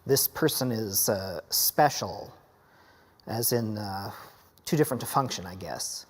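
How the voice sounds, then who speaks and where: A man in his late thirties speaking in a documentary clip, halting often with fillers as he thinks. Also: lowish voice, lively intonation, breathy edge, long reverb tail. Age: 30s. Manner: halting, many pauses and fillers.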